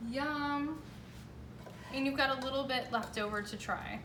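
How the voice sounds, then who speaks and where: A woman's voice: high voice, measured pace. A woman giving a casual, chatty home cooking demonstration in a kitchen, talking in an emphatic, exclamatory way. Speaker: home baking show host. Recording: roomy, distant mic, clear background noise.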